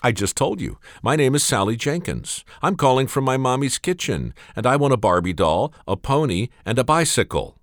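A man's voice: mid-range voice, sing-song, normal speed, hardly any pauses, no echo, studio quality, voice pushed up. A man voicing a small girl asking for toys in a sweet, polite way. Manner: sweet, listing wishes. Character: little girl, polite and demanding.

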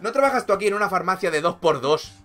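Bright-voiced Spanish man telling stories. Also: sits high, fast talker. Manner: animated storyteller, acts out dialogue, frequent laughter. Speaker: podcast co-host. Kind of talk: casual chat.

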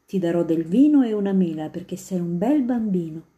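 A kind, gentle old man from a storybook, speaking softly and a little lower, as a woman reads him aloud. The voice is very dark and mellow throughout. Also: lively intonation, brisk, dull audio, close to an everyday voice. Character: kind old male poet, gentle and warm-hearted.

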